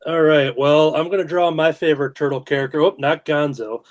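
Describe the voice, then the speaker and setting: A man hosting a casual drawing show, talking in a relaxed way with frequent "uh" fillers. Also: fairly high pitch, brisk, faint music behind. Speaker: host. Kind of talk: casual video-call chat while drawing.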